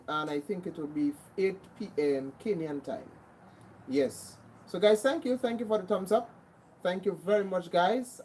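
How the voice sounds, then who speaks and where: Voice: mid-range voice, darkish tone, slight background noise, low-quality recording. A livestream host with a Grenadian accent, chatting casually and greeting and thanking viewers by name, often repeating herself.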